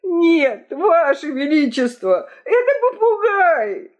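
The storyteller voicing a frightened, servile palace key keeper in a storybook reading, wailing loudly, on a dull lo-fi recording. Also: medium pitch, animated, measured pace, natural voice. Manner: loud wailing, pleading.

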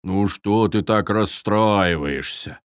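Tappi, a reader doing a gentle calm Viking. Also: low-pitched, no room sound, clean studio sound, exaggerated voice. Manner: gentle, unhurried, reassuring. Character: kindly good-natured Viking, calm and warm.

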